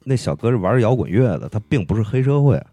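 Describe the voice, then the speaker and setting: A low-voiced man trades loose, slangy jokes as a podcast co-host. His voice sits very deep. Faint music runs in the background. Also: big pitch swings, quick pace, dark tone, no echo. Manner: loose, slangy, joking banter. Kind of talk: casual chat.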